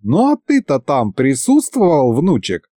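A man's voice: on the high side, wildly swooping pitch, a little slow, warm tone, no room sound, clean studio sound, heavily acted. Brief: a man as a sly old grandfather over 70, ex-bandit, folksy and wheedling, for an audiobook.

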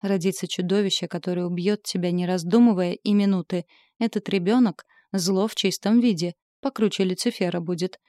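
A woman's voice: fairly low pitch, steady tone, brisk, warm tone, no echo, studio quality, natural voice. A woman reading the part of a scornful male demon knight in a storybook, speaking in a sneering, taunting way.

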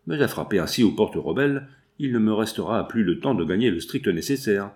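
A man's voice: on the low side, animated, brisk, darkish tone, close to an everyday voice. A man reading as a weary young draughtsman. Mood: weary, hurt. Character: discouraged young male draughtsman, poor and proud.

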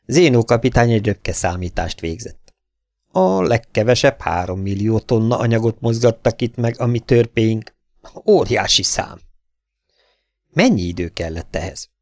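A man narrating an audiobook in an even, unhurried reading voice. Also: mid-range voice, no room sound, clean studio sound. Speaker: audiobook reader.

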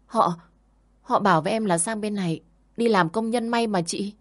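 A woman's voice: mid-range voice, normal speed, pitched above the performer's own voice, lightly acted. A woman voicing a naive, polite young woman in her twenties who talks in a pleading way. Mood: confused.

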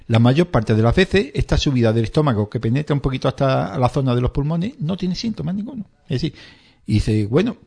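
A man's voice: fairly high pitch, creaky, breathy edge. A middle-aged man talking as a doctor on a radio health segment. He explains things plainly with homely examples and acts out what patients say.

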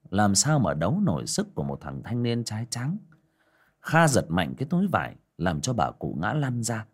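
A man narrating a dramatic audio story in an expressive way. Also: on the low side, slightly rough.

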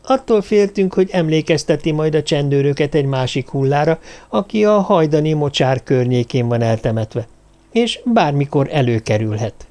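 A man's voice: a little high, animated, darkish tone, voice pushed up, natural voice. A man voicing a small, timid circus woman. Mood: worried. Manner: earnest and deferential, says "uram" often.

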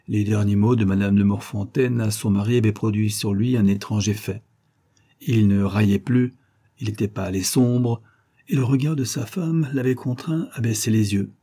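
A man narrating a classic novel as an audiobook in a measured, even delivery. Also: on the low side, slightly rough.

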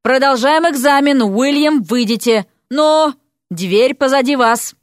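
A man's voice: extremely high pitch, a little slow, clear, resonant tone, dry recording, clean studio sound. A woman voicing a stern young male teacher who gives cold, curt commands.

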